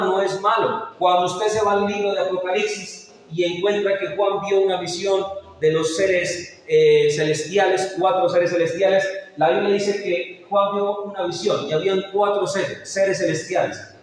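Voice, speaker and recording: A man's voice: high voice, steady tone, normal speed. A man preaching a sermon as pastor, calling his listeners brother and asking them questions. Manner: addresses listeners as brother, asks rhetorical questions. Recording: echoey hall, voice from far off.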